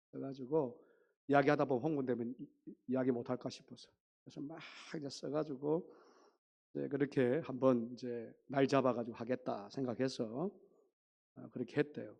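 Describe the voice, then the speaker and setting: Male pastor, gravelly storyteller preaching a sermon, dull lo-fi church recording. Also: mid-range voice, a little mellow. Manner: storytelling, quotes others, addresses congregation directly. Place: church sanctuary.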